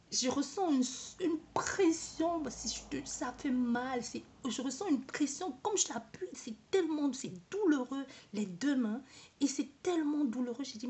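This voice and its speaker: A woman speaking to camera in a personal, halting way, often repeating herself and searching for words. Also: sits high, a little mellow. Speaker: vlogger.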